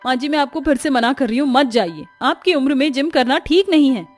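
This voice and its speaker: A woman's voice: sits high, a little fast, soft background music, pitched above the performer's own voice, close to an everyday voice. A woman voicing a patient, sensible young daughter-in-law in a cartoon story, pleading and scolding. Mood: pleading, exasperated.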